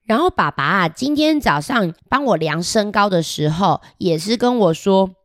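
A woman's voice: mid-range voice, lively intonation, normal speed, no echo, studio quality, close to an everyday voice. A woman voicing a chatty little boy about to start kindergarten in a children's picture book read-aloud, playful and giggly as she talks straight to the children listening. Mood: cheerful, boastful. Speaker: storybook reader.

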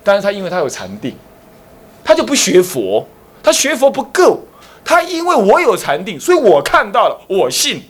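A man's voice: high-pitched, moderate pace. A man with a Taiwanese Mandarin accent, a Buddhist abbot giving a dharma lecture and acting out the dialogue in his stories. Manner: animated storytelling, acting out dialogue between characters. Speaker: Buddhist abbot teaching a class.

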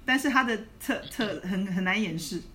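A woman's voice: mid-range voice, lively intonation, normal speed, a bit bright. A woman co-hosting a podcast, chatting casually, explaining eagerly and laughing often. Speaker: podcast co-host. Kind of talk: casual chat.

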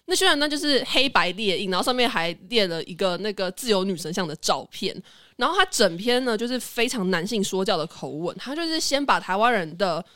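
Animated Taiwanese-accented woman in her twenties or thirties hosting a podcast. Her speech is quick, and her pitch swings widely as she tells a story with easy laughter. The recording is close and dry. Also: no room sound. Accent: Taiwanese Mandarin. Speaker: podcast host. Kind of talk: casual storytelling chat.

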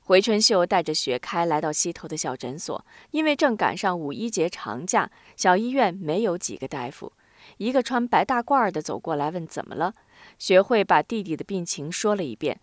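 Calm woman reading a novel. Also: on the low side, normal speed, dry recording, clean studio sound. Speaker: audiobook reader. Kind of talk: serialized novel narration.

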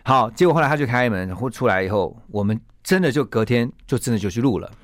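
A man with a Taiwanese Mandarin accent, a guest on a radio interview, telling a story with lively acted-out quotes. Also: medium pitch, quick pace, no room sound, clean studio sound. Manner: animated storyteller who acts out quoted lines.

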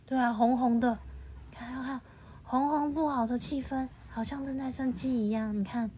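A woman with a fairly high voice reads a picture book aloud to a child. She explains patiently and keeps stopping to ask the listening child questions. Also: steady tone, normal speed, dark tone, a little hiss or hum. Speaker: storyteller reading to a child.

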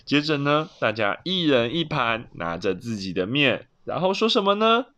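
A man's voice: mid-range voice, sing-song, moderate pace, bright, forceful tone. A man reading a bedtime story to his child, playfully asking questions along the way. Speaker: father telling a bedtime story.

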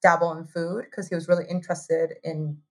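A Taiwanese woman in her thirties, co-founder of a hot sauce company, shares her story as an interview guest. Her low voice is husky and breathy, a little mellow, with little pitch movement, and she talks fairly quickly in a loose, chatty way, laughing often and saying "like" a lot.

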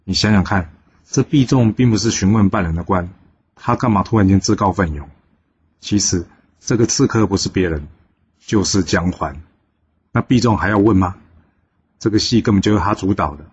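A man hosting a storytelling channel, narrating a classical tale in a lively way and lightly voicing the characters in quotes. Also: low voice, normal speed, long pauses, slightly rough. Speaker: storyteller host. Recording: slightly dull recording with faint noise.

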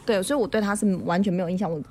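Speaking very fast in a mid-range voice, this Taiwanese podcast co-host in her thirties recounts ghost stories from her childhood. She performs the quoted voices with lots of animation and frequent laughter.

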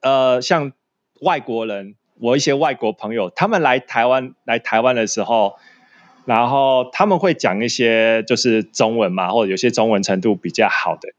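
A man speaks casually with a Taiwanese Mandarin accent. His voice sits at a medium pitch, in the manner of relaxed conversation. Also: normal speed, lo-fi sound. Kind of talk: casual chat.

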